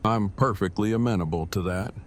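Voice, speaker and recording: Audio drama part: nerdy, deadpan man male actor, lowish pitch, stiffly formal and long-winded, some ambience. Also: a little fast, lightly acted. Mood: dry, agreeable. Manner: stilted, wordy, formal, deadpan. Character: Eugene, formal, verbose, earnest nerdy man. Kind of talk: acted audio drama dialogue. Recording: faint background ambient noise.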